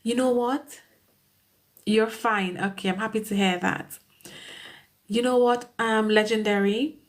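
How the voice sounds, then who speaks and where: A woman with a Caribbean accent talks to her viewers on a live stream. Her tone is casual and chatty, with frequent laughs and warm greetings to the people watching. She sounds like she is speaking into a phone or webcam indoors. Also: fairly high pitch, fairly even intonation, measured pace. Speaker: immigration solicitor hosting a live Q&A.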